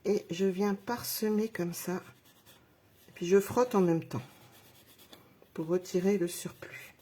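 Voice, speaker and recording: A middle-aged woman talks viewers through a craft project live, narrating each step as she works. Her voice is warm and mellow with a slightly husky, breathy edge. She speaks in a chatty, encouraging way, addressing her audience directly. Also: medium pitch, steady tone, slow pace. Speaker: craft demonstrator.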